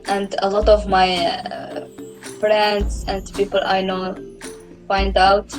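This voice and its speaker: An anonymous interviewee speaking through an electronically altered voice, answering in a slow, halting way. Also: medium pitch, monotone, faint music behind, poor audio.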